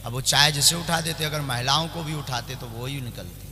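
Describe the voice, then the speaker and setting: A man addresses a crowd of devotees, ordering them to sit and make way in a firm, blunt tone. His voice rings out through loudspeakers with a long trailing reverb. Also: mid-range voice, brisk. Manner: commanding, directs the crowd bluntly. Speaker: spiritual leader addressing devotees. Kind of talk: religious court session before a crowd.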